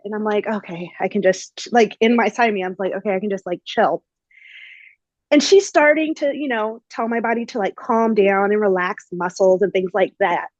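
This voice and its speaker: A woman's voice: on the high side, no room sound, dull audio. A woman hosting a podcast, telling a story in a casual, chatty way with lots of fillers. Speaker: podcast host.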